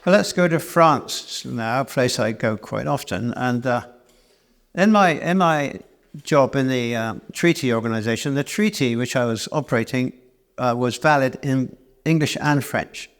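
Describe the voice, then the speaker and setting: A man's voice: medium pitch, normal speed. A man telling a rambling, self-deprecating travel anecdote live on stage in a church venue, with frequent restarts. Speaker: cabaret storyteller and singer. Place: church hall, live performance.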